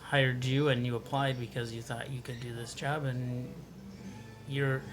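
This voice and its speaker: A man's voice: medium pitch, level tone, unhurried, over music, poor audio. A man with an American accent, informally explaining rules to student orientation leaders. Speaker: orientation staff organiser. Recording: clear ambient background noise.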